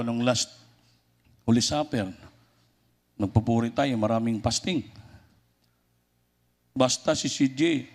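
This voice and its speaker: A man preaching a sermon with a Filipino accent, animated, jumping into loud voices when he acts out stories. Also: medium pitch.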